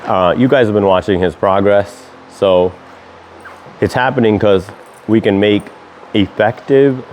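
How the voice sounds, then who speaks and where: A man speaks in a lowish voice with a noticeable lisp, as if through missing front teeth. He instructs in a loose, informal way, like a trainer chatting to clients and checking they follow. Some background noise surrounds his voice. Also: darkish tone. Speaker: dog trainer. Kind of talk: casual instructional talk to clients.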